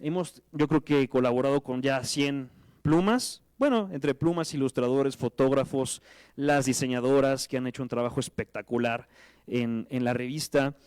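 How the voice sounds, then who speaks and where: A man in his thirties with a Mexican accent, giving a conference talk as guest speaker, telling his story with animated, self-mocking humor. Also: mid-range voice, normal speed, clean tone, dry recording. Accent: Mexican Spanish. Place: lecture hall with audience.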